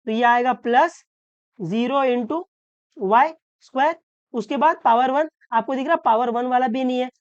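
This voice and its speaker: A woman maths tutor from Maharashtra explains a problem step by step, often checking that the students follow and slowing down to stress each rule. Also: high-pitched, dry recording, muffled recording. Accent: Hindi-English mix, Maharashtra. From Maharashtra, India. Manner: checks understanding with repeated questions; slows down to stress key rules.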